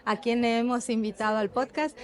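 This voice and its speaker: A woman's voice: a little high, fairly even intonation, fairly quick. A woman hosting a casual podcast interview in a café, chatty and friendly. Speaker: podcast host. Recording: faint café ambience.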